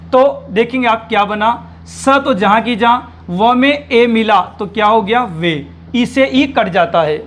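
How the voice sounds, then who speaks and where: A man with a strikingly high voice teaches a grammar lesson to exam students. He works through examples step by step and keeps asking the class rhetorical questions. When he spells out single sounds he slows down and draws the words out. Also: fairly bright tone.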